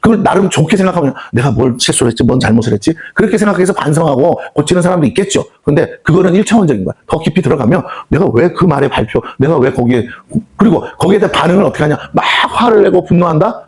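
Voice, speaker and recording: Male preacher, brisk delivery, slightly high voice, rhetorical questions, acts out reactions. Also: animated, a little mellow. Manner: call-and-response questions to the congregation; acts out quoted reactions with sighs. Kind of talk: sermon. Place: prayer house meeting hall.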